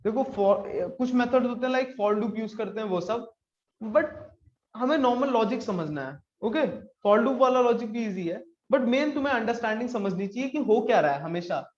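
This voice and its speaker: A man's voice: very high-pitched, lively intonation, moderate pace, darkish tone, reverberant, lo-fi sound. A man teaching a live online coding class in a chatty, casual way, often turning to ask his students questions. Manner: chatty, mixes English into Hindi, asks the class questions.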